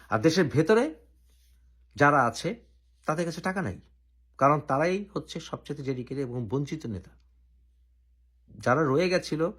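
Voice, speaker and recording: A man from Bangladesh hosting his own channel, giving an opinionated political commentary and laying out his argument point by point with deliberate pauses. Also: medium pitch, fairly bright tone, breathy edge.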